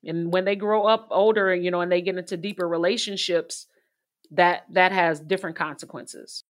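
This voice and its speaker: A woman's voice: on the low side, fairly even intonation, normal speed. A middle-aged woman talking casually as a parenting expert, telling stories with light laughs and frequent fillers. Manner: warm storytelling with light laughs, many fillers. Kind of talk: conversational advice.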